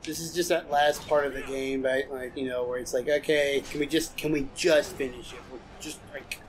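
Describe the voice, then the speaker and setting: A man's voice: medium pitch, fairly even intonation, moderate pace, poor audio. A young man playing a video game and commenting casually, swearing at frustrating moments. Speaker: gamer playing. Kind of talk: casual let's-play commentary. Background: game music.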